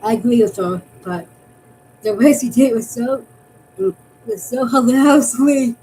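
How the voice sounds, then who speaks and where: A woman's voice: fairly high pitch, a little slow, warm tone, a little hiss or hum, low-quality recording. A woman from Massachusetts chatting casually about her fan theories, rambling and restarting her phrases as she goes. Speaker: fan vlogger.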